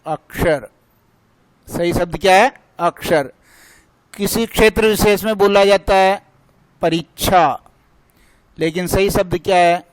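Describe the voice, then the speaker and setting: Male teacher, grammar lesson, high voice, dry close recording, asks and answers his own questions. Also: fairly even intonation, clear, resonant tone, no echo, poor audio. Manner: slow, repeats questions and answers to drill points.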